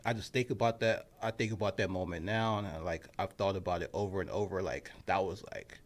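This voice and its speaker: A young man, a sports journalist, tells a story in casual podcast chat, animated and full of fillers, dropping low when he quotes his own thoughts. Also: fairly quick. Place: outdoors on college grounds.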